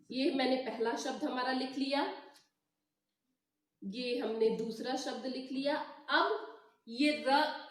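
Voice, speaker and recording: Woman teacher with a high voice, slow and patient at the board, recorded in a very echoey room. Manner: patient, repeats each step with "ठीक है"; spells out letters slowly. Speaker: Hindi teacher. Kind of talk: whiteboard grammar lesson.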